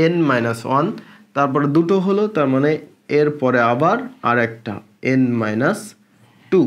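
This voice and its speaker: Slow-explaining Bangladeshi male math teacher. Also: on the high side. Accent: Bangladeshi Bengali. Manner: explains slowly, stretching terms and asking rhetorical questions. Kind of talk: step-by-step math lesson.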